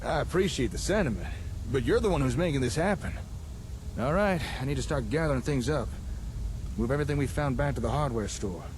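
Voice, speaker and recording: Man acting a lively, folksy scavenger engineer. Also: mid-range voice, fairly quick, noisy background, lightly acted. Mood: flustered. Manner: folksy, chatty, enthusiastic. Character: folksy, upbeat male scavenger engineer companion. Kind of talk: video game voice acting.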